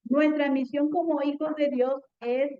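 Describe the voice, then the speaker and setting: A woman's voice: high-pitched, fairly even intonation, a little slow, highs cut off. A woman teaching a Bible class in an earnest tone, often checking in with her students.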